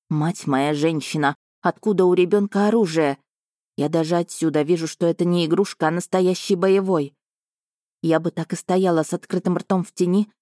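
Low-voiced woman narrating a story. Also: darkish tone, no room sound, studio quality. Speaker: audiobook narrator. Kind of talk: first-person fiction narration.

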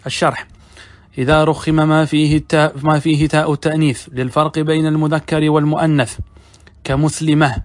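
Fairly high-voiced man teaching grammar. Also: little pitch movement. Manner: explains step by step, asks the class questions and answers them himself; reads quoted text slowly and deliberately. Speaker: sheikh teaching Arabic grammar. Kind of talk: classroom commentary on a grammar text.

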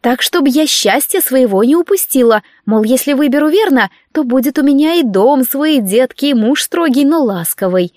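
A woman voicing a naive, excitable young servant girl who chatters breathlessly and pleads. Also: sits high, moderate pace, hardly any pauses, dry recording, studio quality. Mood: eager pleading.

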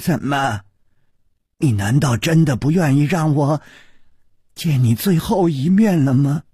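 A man's voice: a little high, a little slow, warm tone, slightly rough, no echo, clean studio sound. A man voicing a witty, composed young swordsman, speaking in a light, wry, questioning tone. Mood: pleading. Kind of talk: traditional storytelling broadcast.

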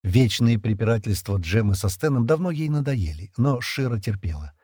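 A man reads an audiobook with expressive storytelling, his voice medium-pitched and his pace normal. The recording is dry, with clean studio sound.

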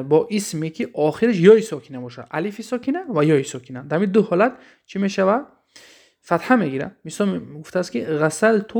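A man with a Tajik accent teaching grammar in a classroom lesson, reading phrases slowly and then explaining them quickly with questions to his listeners. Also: on the high side, vocal fry. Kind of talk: classroom lesson explaining Arabic text in Persian.

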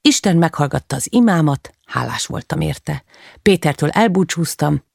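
A woman reading a first-person novel aloud as an audiobook, calm and measured, in short clipped sentences. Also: deep voice, gravelly, breathy edge, no echo, studio quality. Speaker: audiobook reader.

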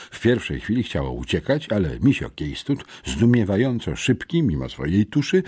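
A male audiobook narrator reading expressively. His voice sits very low and dark, with a husky grain. His pitch swings a great deal as he reads. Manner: expressive, animated.

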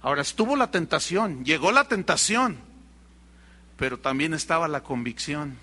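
Bright, high-voiced Mexican pastor preaching. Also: male voice, very animated, moderate pace. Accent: Mexican Spanish. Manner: storytelling, acts out quoted dialogue, addresses congregation directly. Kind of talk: sermon.

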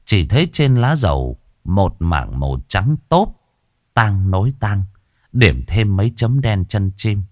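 A man tells a story with a low voice that rises and falls vividly as he goes. His delivery is expressive and animated. The recording is dry and close. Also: a little slow, no room sound. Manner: lively, expressive telling. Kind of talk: story narration.

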